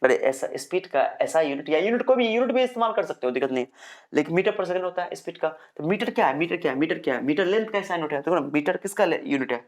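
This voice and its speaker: A young man gives a recorded physics lecture. He works through each point slowly, repeats his own questions and answers them as his students would. He reads English definitions out carefully and sounds a little short on energy. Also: on the high side, lively intonation. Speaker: physics teacher.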